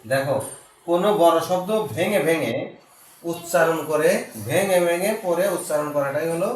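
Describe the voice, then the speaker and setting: Patient teacher spelling words out slowly. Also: male voice, fairly high pitch. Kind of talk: basic English grammar lesson for a child. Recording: echoey room, voice from far off.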